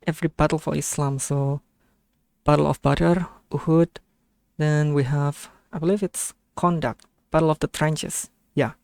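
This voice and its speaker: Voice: mid-range voice, fairly even intonation, normal speed, vocal fry, a little mellow, dry recording. A streamer from Indonesia with an Indonesian accent, giving casual reaction commentary in a hesitant, self-correcting way, as if thinking aloud.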